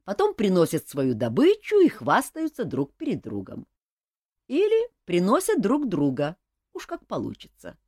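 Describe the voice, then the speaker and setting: A woman reading an audiobook, voicing a calm young king who teases with dry humor. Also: mid-range voice, normal speed, slightly rough, no echo. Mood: teasing. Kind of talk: audiobook character voice.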